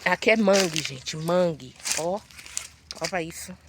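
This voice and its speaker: A woman's voice: lowish voice, unhurried, noisy background. Chatty woman. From Bahia, Brazil. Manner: chatty, exclamatory, keeps calling out to viewers. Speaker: vlogger and mother. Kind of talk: casual vlog narration to viewers. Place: outdoors in muddy woods and mangrove.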